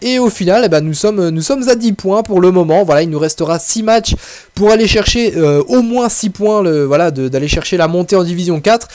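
A man with a notably high voice for his sex runs casual commentary over his own football game. He talks in a chatty, excitable way, thinking aloud as the play unfolds. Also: brisk, dry recording. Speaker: gaming video host.

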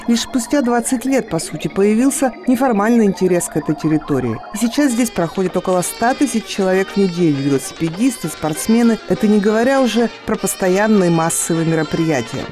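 A woman's voice: medium pitch, lively intonation, fairly quick, few pauses, over music. A woman reporter reading a scripted news voice-over with a lightly wry commentary.

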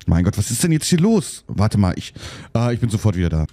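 A man's voice: lowish voice, sing-song, fast, mellow, dry recording. Chatty man muttering over a game. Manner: chatty, mutters to himself, easily annoyed. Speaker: let's play host. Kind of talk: casual gameplay commentary.

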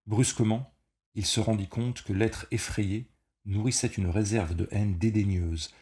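A man reading a novel aloud as narrator, in a slow, measured, dramatic delivery. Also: fairly low pitch, darkish tone. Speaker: audiobook reader. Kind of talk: scripted narration.

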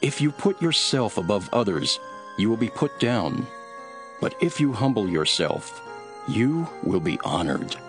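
Low, expressive Jesus teaching solemnly. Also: male voice, music in the background. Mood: solemn storytelling. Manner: solemn, measured storytelling. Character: Jesus, solemn male teacher telling parables. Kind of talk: dramatised scripture reading.

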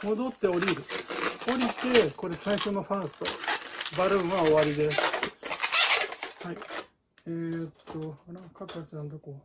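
A man's voice: fairly high pitch, normal speed, long pauses, heavy background noise. A man teaching balloon art in a chatty, casual way and laughing often. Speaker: balloon artist. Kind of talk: casual tutorial chat.

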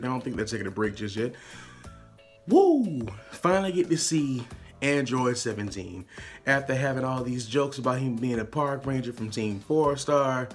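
A young man giving casual, slangy vlog commentary, often throwing out questions to his viewers. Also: medium pitch. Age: young adult. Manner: informal, slangy, rhetorical questioning. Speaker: host of an anime discussion channel. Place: small indoor room with posters on the walls.

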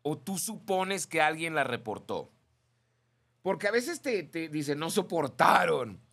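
Animated Mexican radio host, bright tone. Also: male voice, on the high side, a little slow, vocal fry, breathy edge. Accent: Mexican Spanish. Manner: animated, chatty, gossipy. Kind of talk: casual chat reading listener messages.

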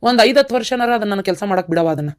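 Someone voicing a quick earnest village youth. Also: medium pitch, animated, natural voice. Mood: determined. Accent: North Karnataka Kannada. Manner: earnest, stubborn. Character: young man determined to become a soldier. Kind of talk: cartoon voice acting.

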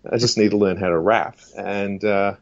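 Guest, man, fairly low chatty voice, muffled lo-fi sound. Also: steady tone, normal speed, no echo. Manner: chatty, laughs often, stammers restarts. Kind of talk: casual interview chat.

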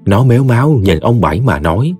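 Husky Southern Vietnamese storyteller. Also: male voice, medium pitch, a little fast, faint music behind. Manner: expressive, folksy. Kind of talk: audiobook story narration.

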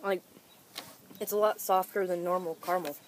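A woman's voice: lowish voice, fairly even intonation, moderate pace, slight background noise. A young woman talking through a partly full mouth of candy during a casual taste test, loose and chatty with lots of "like" and "kinda". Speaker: taste tester. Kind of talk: casual chat.

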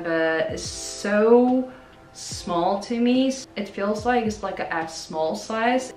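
Woman in her twenties, lowish voice, upbeat filler-heavy haul chat, roomy echo under soft music. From South Korea. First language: Korean. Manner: chatty, many "like" fillers, upbeat. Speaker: fashion vlogger. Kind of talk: casual try-on haul talk to camera. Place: plain indoor room by a wall. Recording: echoey room with music bed.

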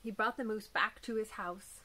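A woman teacher reading a storybook aloud to young children, gentle and clear, with small asides about the pictures. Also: mid-range voice, steady tone, normal speed.

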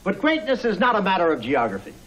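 An actor playing a politician delivering a rousing, oratorical speech in an old film. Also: male voice, high voice, wildly swooping pitch, fast talker, fairly bright tone, heavily acted, rough recording. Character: grandstanding politician giving a speech.

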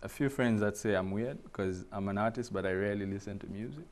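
A male artist speaking as a guest in a casual interview, relaxed and agreeable. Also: fairly low pitch, quick pace.

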